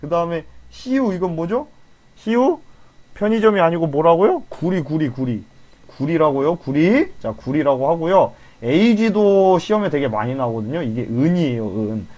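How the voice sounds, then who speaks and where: A man's voice: on the high side, expressive, moderate pace, a little mellow. A man teaching an online science lecture, coaxing and pleading with students and quizzing them with questions.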